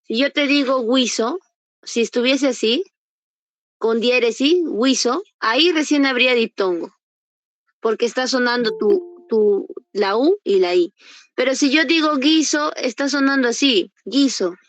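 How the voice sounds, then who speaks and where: A woman's voice: a little high, moderate pace, no echo. A woman teacher giving an online class, patiently sounding out example words and quizzing her students. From Peru. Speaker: university entrance prep teacher. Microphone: computer mic on a video call.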